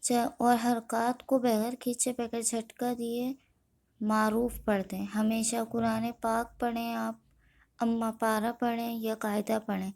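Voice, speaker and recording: Mellow woman teaching Quran reading drills. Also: on the high side, gravelly. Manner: slow drawn-out syllable drills between brisk explanations. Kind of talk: step-by-step recitation lesson.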